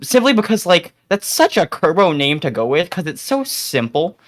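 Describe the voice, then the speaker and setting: A man co-hosting a livestream in casual chat, rambling and animated, full of likes and restarts. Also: sits high, moderate pace. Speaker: stream co-host.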